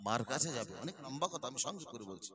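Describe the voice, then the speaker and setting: A man preaching a sermon, moving from low conversational asides to loud, drawn-out sung chanting, with rhetorical questions thrown to the listeners. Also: sing-song. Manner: repeats lines and asks the crowd rhetorical questions. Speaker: Islamic preacher.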